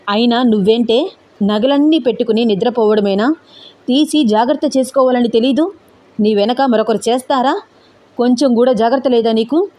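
Strict young husband, barks orders, mellow dark tone, read by a woman narrator, audio storybook. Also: fairly high pitch, lightly acted. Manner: scolding, commanding.

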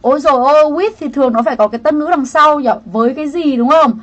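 A woman's voice: sits high, fast talker, muffled recording. A woman teaching an English grammar lesson on a livestream, chatty, greeting viewers by name and explaining each answer option.

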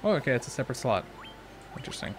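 A man's voice: medium pitch, big pitch swings, rapid-fire, over music. A young man hosting a let's play, thinking aloud in casual, chatty commentary.

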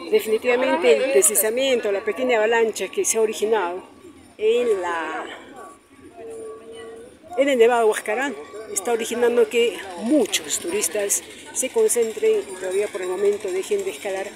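A woman's voice: mid-range voice, moderate pace, a crowd in the background. A woman reporter, talking conversationally as she reports outdoors from a town square into a camera mic, with tag questions. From Peru. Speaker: street reporter. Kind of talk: on-the-street news report. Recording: noisy street recording.

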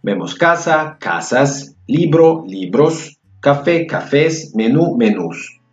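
A man teaching a slow grammar lesson, drawing out example words and often checking in with his listeners. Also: on the high side, big pitch swings. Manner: slow, drawn-out word examples, frequent praise and check-in questions. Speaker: Spanish teacher. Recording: roomy, dull lo-fi sound with faint guitar music.

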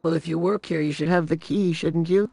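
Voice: mid-range voice, steady tone, a little fast, vocal fry, mellow, no echo. A young person faking an old voice to play a cranky, litigious elderly granny in an improvised game role-play, plaintive and fussy. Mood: haughty, argumentative.

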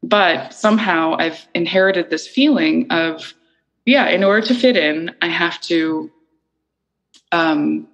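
A woman's voice: on the low side, takes it slowly, lo-fi sound. A middle-aged woman from Iceland, an interview guest talking thoughtfully and searching for her words. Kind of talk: reflective conversational interview.

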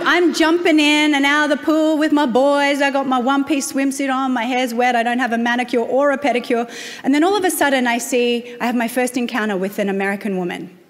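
A woman's voice: a little high, slight background noise. An Australian woman pastor preaching a sermon, telling stories with self-deprecating humor. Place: church auditorium. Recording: long reverb of a large hall.

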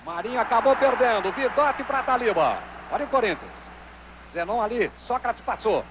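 A man's voice: extremely high pitch, expressive, normal speed. A man with a Brazilian accent giving live football play-by-play with explosive goal calls, as a commentator on an old TV broadcast. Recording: old TV broadcast, loud stadium noise. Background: loud stadium crowd.

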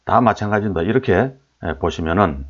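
A man's voice: deep voice, lively intonation, a little fast, lo-fi sound. A man giving a lecture, explaining old pronunciations, repeating sample syllables aloud and asking his listeners rhetorical questions.

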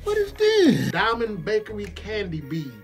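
A young man in casual snack-tasting chat, expressive and profane, reading package labels aloud. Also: high-pitched, a little slow, music in the background. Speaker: vlogger.

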